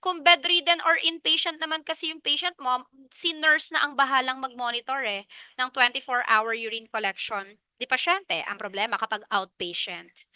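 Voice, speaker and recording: A woman's voice: sits high, brisk, bright, forceful tone, smooth, no room sound. A woman with a Filipino accent giving a review lecture, asking questions and answering them herself and repeating the key points. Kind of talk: review lecture mixing Tagalog and English.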